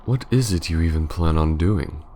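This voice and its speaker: In an ASMR roleplay, a man plays a smug, menacing aristocratic vampire lord, his very deep voice gravelly, breathy and mellow, often dropping to a whisper. He taunts in a pompous drawl at a moderate pace, sounding mocking, with slight background noise.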